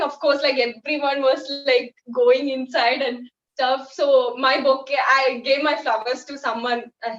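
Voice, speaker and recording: A young woman from India with an Indian English accent, telling a personal story as a guest in a halting, heartfelt way with many fillers. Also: high-pitched. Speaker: guest volunteer. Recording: echoey, distant, dull sound.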